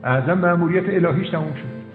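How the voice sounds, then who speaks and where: A male counselor, addressed as doctor, speaks calmly and directively, repeating short commands and telling a story to comfort a grieving caller. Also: fairly high pitch. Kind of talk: counseling session with a storytelling aside. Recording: tinny phone-like sound, echoey hall, faint music.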